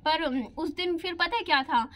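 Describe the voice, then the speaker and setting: A woman's voice: very high-pitched, normal speed, noisy background. A woman vlogger candidly retelling a painful family conflict in a personal storytelling style.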